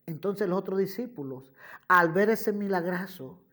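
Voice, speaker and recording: A woman preaching a sermon, slow and emphatic, repeating key phrases and addressing her listeners as brother and friend listener. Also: medium pitch, a bit bright. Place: radio program.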